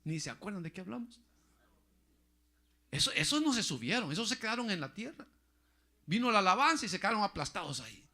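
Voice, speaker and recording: A man pastor preaching a sermon, repeating phrases and often calling listeners "brother", going loud for emphasis and dropping quiet for asides. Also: high voice, very animated, a little fast, long pauses.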